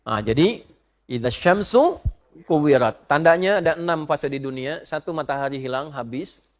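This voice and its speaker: A man preaches a sermon. He chants Arabic verses slowly and questions his listeners directly, swinging from emphatic peaks to soft asides. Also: fairly high pitch. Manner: asks the audience direct questions. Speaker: Islamic preacher.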